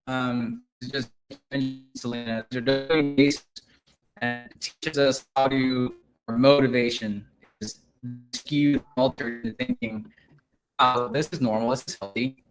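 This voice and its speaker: A man's voice: mid-range voice, measured pace, soft background music, low-quality recording. A man speaking over a video call whose audio keeps cutting out and freezing, his words stumbling and chopped up in casual chat.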